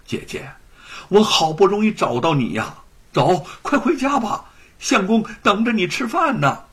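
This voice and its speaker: A man voicing a gentle young wife who speaks softly and tenderly to comfort her husband. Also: high-pitched, sing-song, measured pace, breathy edge, voice pushed up, exaggerated voice. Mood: coaxing. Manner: soft, tender, coaxing.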